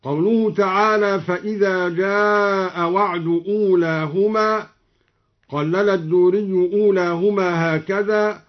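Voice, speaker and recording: A man teaching Quran recitation, explaining each reading in measured speech and then chanting the verse slowly. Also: high voice, steady tone. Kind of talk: recitation lesson. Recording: dull lo-fi recording.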